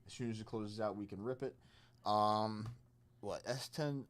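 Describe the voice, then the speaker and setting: A man with a fairly low voice hosts a live card-break stream. He talks casually and off the cuff, moving between chat with viewers and hype for the breaks and open spots. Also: measured pace. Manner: off-the-cuff, chatting with viewers between spot counts.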